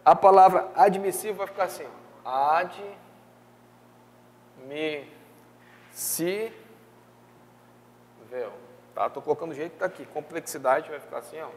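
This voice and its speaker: A Brazilian man teaching an exam-prep review class, lively and checking in often with his students. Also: on the high side, fast, few pauses, long reverb tail, slight background noise. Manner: lively, peppers speech with tag questions.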